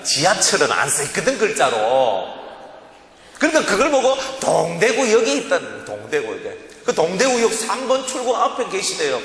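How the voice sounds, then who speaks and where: A middle-aged man with a Gyeongsang Korean accent, preaching a sermon as a pastor in animated, colloquial storytelling. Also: fairly high pitch. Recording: echoey hall reverb.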